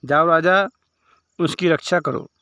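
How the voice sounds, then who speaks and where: A cold, aloof celestial nymph speaks down to a king in a retold legend, lecturing and repeating her address to him, as a man puts her on. The voice is smooth and clear, a little high, and paced slowly and deliberately. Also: fairly even intonation, bright, forceful tone, no room sound. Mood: pleading.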